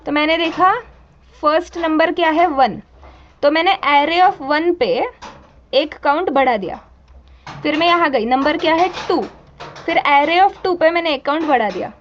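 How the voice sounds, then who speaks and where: A woman's voice: high-pitched, unhurried, highs cut off, slight background noise. A young woman teaching a programming class, explaining step by step in a mix of Hindi and English and asking her students questions. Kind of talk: live coding lesson.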